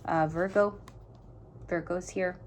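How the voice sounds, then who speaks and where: Low-voiced woman musing through a tarot reading. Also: steady tone, takes it slowly, a little hiss or hum. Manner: musing aloud, stop-start phrasing; earnest, talks straight to the listener. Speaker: tarot reader. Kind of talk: casual tarot reading to viewers.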